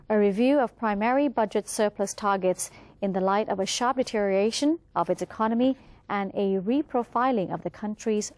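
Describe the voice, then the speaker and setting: Thai accent woman reading scripted news, mid pitched voice, news presenter style. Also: darkish tone, dry recording.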